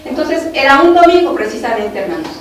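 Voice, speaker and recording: A woman's voice: sits high, big pitch swings, a little fast. A woman with a Mexican accent, a doctor giving an earnest, emotional testimony to a congregation in a church. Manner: earnest, emotional, often addressing the brothers and sisters. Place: church hall. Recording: echoey hall from far off, faint noise.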